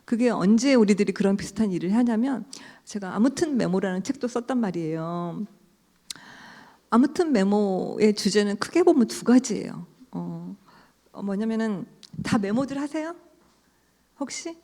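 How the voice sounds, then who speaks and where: A middle-aged woman, an author, telling a story to an audience at a book talk, animated, sometimes dropping to a hush. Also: mid-range voice. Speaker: author speaking at a book concert.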